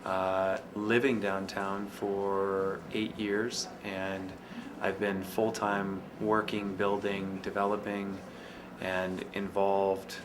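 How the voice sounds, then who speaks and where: Measured business owner with frequent fillers, low flat delivery, noisy background. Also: male voice. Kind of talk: interview answers.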